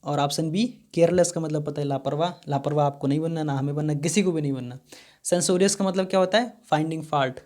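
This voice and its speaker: A man's voice: on the high side, fast talker, a little mellow. A man runs a live online vocabulary lesson. He often stops to spell a word out letter by letter. He keeps asking his students what each word means. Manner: spells words letter by letter, repeats questions. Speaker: vocabulary teacher.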